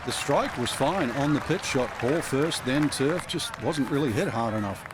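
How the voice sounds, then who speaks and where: A man's voice: mid-range voice, expressive, normal speed, a crowd in the background, background noise, natural voice. A man as a matter-of-fact on-course golf commentator, speaking in short clipped remarks.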